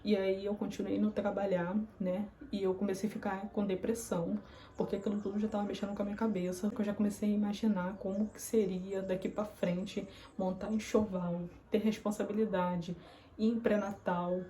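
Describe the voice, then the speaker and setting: A woman's voice: mid-range voice, little pitch movement, fairly quick, mellow. Young woman confiding a personal story. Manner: earnest, confiding, acts out remembered dialogue. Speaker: vlogger.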